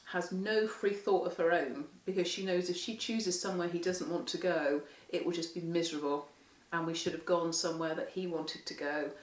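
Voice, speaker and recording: A hoarse woman, a parent carer speaking frankly in an interview and acting out what others say. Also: lowish voice. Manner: frank, candid storytelling that acts out quoted speech. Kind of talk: interview testimony. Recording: echoey room, mic far off.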